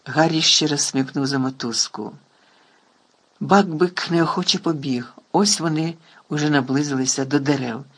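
A man narrating an audiobook in a lively, expressive reading. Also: a little high, moderate pace, husky. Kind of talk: storybook reading.

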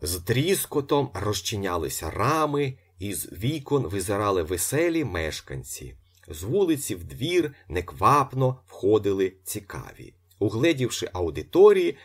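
A man with a husky voice narrating an audiobook expressively. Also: fairly low pitch, unhurried. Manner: expressive, vivid.

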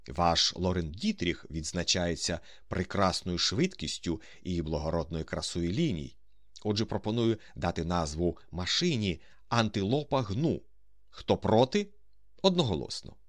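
A man's voice: low voice, no room sound, studio quality. A man doing Ostap, haughty con man. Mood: ironic. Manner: haughty, commanding, cool. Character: grand scheming male con man, adult.

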